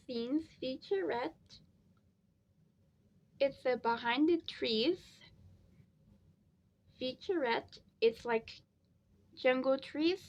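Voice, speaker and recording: A woman's voice: sits high, darkish tone, highs cut off. A tired, sleepy woman rambling casually through a DVD review, repeating herself as she goes.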